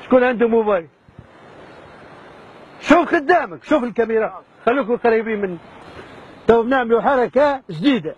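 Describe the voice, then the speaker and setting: A man's voice: very high-pitched, expressive, brisk, pauses often, breathy edge, lo-fi sound. A man hosting a hidden-camera prank, coaxing and bossy with a mock-menacing edge. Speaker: prank show host.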